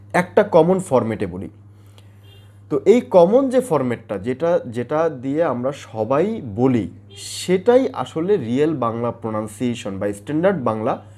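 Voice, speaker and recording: A man's voice: mid-range voice, darkish tone. A man from Bangladesh, an IELTS tutor, explains step by step in a video lesson, with frequent hesitant fillers.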